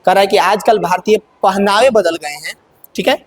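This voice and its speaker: A male teacher with a fairly high voice goes through exam questions for his students, repeating each one before he answers it. His voice falls low each time he gives the answer. A faint hiss of noise sits under the recording. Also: moderate pace. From India. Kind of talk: exam prep lesson, reading out multiple-choice questions.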